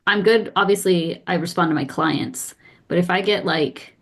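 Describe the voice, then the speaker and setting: A woman co-hosting a casual podcast, chatty and quick to laugh, with many filler words. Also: lowish voice, a bit bright. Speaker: podcast co-host. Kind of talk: casual chat.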